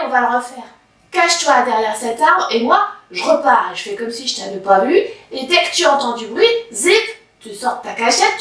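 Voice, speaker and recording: A woman's voice: high-pitched, fairly bright tone. Woman playing a cheeky know-it-all little red rabbit. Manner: teasing, fast lecturing. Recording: very echoey room, from far off.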